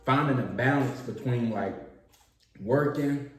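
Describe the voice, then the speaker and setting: A man's voice: medium pitch, measured pace. A young man chatting casually with his wife while eating, laid-back and slangy. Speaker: vlog co-host. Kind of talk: casual chat over a meal. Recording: very echoey room, faint noise.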